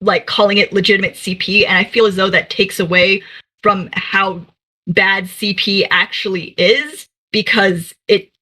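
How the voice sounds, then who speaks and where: A woman's voice: mid-range voice, steady tone, a little slow, sharp tone, poor audio. A woman speaking in a casual discussion on a group voice call, rambling with fillers and restarts, while her audio keeps glitching and cutting out.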